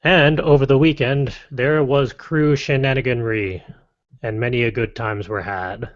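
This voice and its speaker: A man hosting a casual podcast, reading lists briskly and adding wry, playful asides. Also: medium pitch, fairly even intonation. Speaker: podcast host. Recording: dull lo-fi dry podcast audio.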